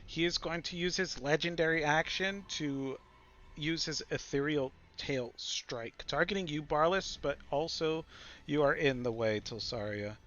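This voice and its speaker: A man's voice: a little high, measured pace, a bit bright, dull audio. A man running a tabletop roleplaying game as game master, moving between rulings and dramatic description. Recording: faint music behind the voice.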